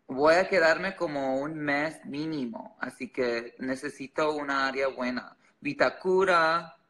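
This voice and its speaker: A livestream host from Chicago, a native English speaker with an American accent, chats casually with viewers in a sassy, slangy way, switching between English and Spanish. His voice is fairly high-pitched with a sharp tone.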